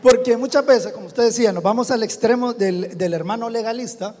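A man's voice: very high voice, brisk, a little mellow. A man hosting a live interview, posing hesitant, rambling questions to a pastor. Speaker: host. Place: live event before an audience. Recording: live hall reverb with faint noise.

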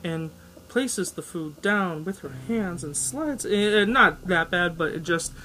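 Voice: medium pitch, lively intonation, measured pace, bright, forceful tone, slight background noise, low-quality recording. A writer in a casual podcast chat who reads a story draft aloud and critiques it, laughing often and stopping to correct themselves. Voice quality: laughs often and self-interrupts while reading and critiquing. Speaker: writer giving editing feedback on a story.

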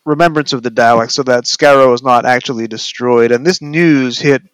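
A man's voice: mid-range voice, moderate pace, clean tone, no room sound. An American man chatting casually as a podcast host. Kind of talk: casual interview chat.

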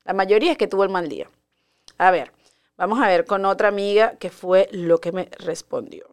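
A woman's voice: mid-range voice, normal speed. A woman, chatting casually and confidingly as a podcast host. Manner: chatty and confiding, reads friends' messages aloud. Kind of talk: casual solo podcast chat.

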